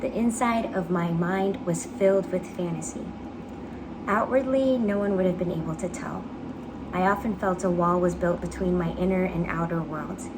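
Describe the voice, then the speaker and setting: A young woman giving an earnest, measured dramatic reading of a personal essay, phrasing it carefully. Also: lowish voice. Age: young adult. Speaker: actor reading own application essay. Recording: clearly noisy background ambience.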